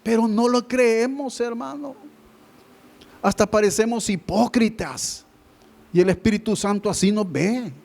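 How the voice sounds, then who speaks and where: A man preaching a sermon in a fairly high voice. He keeps speaking straight to the congregation, climbing to loud appeals, then sinking into quiet, low asides. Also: measured pace, creaky. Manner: keeps addressing listeners as brother, swings between loud and hushed. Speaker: pastor.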